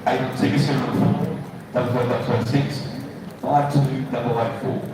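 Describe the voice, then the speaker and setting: Man, ticket checker, reading out digits, very echoey hall, loud background noise. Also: medium pitch, flat delivery, normal speed, recorded from a distance.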